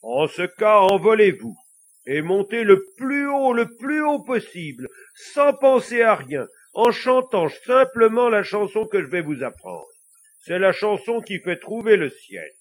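A man doing a slow, stern old pope. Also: high voice, big pitch swings. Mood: advising. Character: stern, suspicious old pope who softens. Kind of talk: storybook reading.

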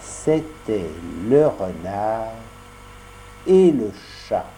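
A man narrating a children's storybook in an expressive storytelling manner. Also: lowish voice, very slow, a little hiss or hum, low-quality recording. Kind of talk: audiobook narration.

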